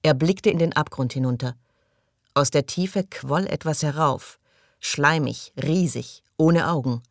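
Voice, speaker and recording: A man narrating a science-fiction audiobook in a measured reading style, dropping quieter at tense moments. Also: on the high side, creaky, dry recording, studio quality. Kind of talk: scripted narration.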